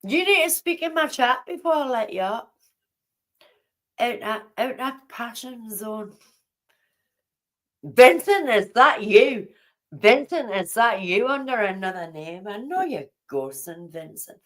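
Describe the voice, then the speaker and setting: Slow-talking woman. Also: on the high side, expressive. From Newcastle, England. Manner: rambling, chatty, answers viewers' comments aloud. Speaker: livestreamer chatting with viewers. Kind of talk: casual chat.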